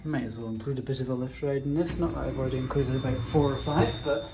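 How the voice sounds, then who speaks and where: A man's voice: medium pitch, steady tone, fast talker. A young man vlogging casually about transport, enthusiastically pointing out details of a lift he is filming on a handheld camera. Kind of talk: casual on-location commentary. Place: lift inside a mountain station. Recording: echoey room with loud ambient noise.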